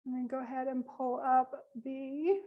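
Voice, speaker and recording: High-pitched woman running a business webinar, casual, lots of ums, kinda losing her voice. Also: level tone, normal speed, narrow, tinny audio. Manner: casual, many ums, friendly instructions. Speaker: business workshop presenter. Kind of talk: live webinar workshop.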